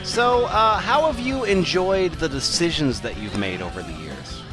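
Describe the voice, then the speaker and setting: A man hosting a comedy podcast with wry, halting banter and mock-earnest readings. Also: a little high, expressive, music in the background. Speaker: podcast host.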